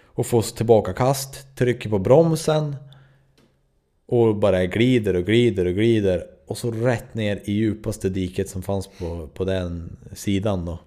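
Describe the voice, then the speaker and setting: A man's voice: lowish voice, warm tone. A man in his twenties from Sweden, a podcast host telling a story in a loose, rambling way, full of fillers and swearing. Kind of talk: casual storytelling.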